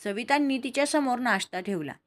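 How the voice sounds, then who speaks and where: Calm female storyteller. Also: fairly high pitch, brisk. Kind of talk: scripted story narration.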